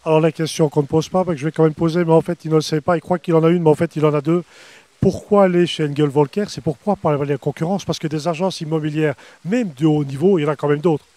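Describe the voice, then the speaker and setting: A chatty middle-aged man fronts an outdoor reception with a handheld mic, his voice sitting a little high for a man. The sound is close and dry. He keeps an upbeat presenter's tone. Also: fairly even intonation, fast, warm tone, no echo. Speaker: interviewer. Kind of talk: event interview. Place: outdoors on a lawn at an evening reception. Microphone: handheld microphone.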